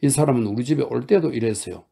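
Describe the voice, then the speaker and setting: A man reading a novel aloud, voicing a fiery, jealous young woman who scolds and coaxes in a raised, gravelly voice. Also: medium pitch, fast talker, mellow. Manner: scolding, coaxing, insistent. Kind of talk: audiobook character reading.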